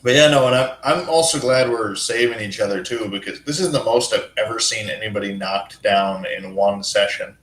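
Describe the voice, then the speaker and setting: Lowish man in an echoey room. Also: normal speed, few pauses, a bit bright. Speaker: tabletop game player. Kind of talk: casual chat after a game session.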